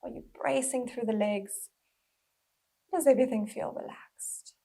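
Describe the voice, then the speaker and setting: A mindful movement instructor guides a body scan, her voice breathy, slightly husky, and on the high side. She speaks gently and unhurriedly, leaving pauses.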